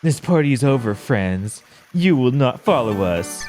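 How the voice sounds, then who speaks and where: A man's voice: medium pitch, sing-song, measured pace, a little mellow, faint music behind. Guy doing a woman's voice, shadowy sexy villain lady, bossy game dialogue. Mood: cool, commanding. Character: sexy, shadowy female villain addressing her foes. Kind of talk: video game dialogue read aloud.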